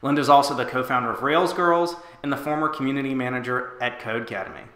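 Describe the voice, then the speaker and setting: A man's voice: medium pitch, fast, a bit bright, roomy sound. A man hosting an interview show, friendly and upbeat, often repeating words as he starts his questions. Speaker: podcast host. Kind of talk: casual interview.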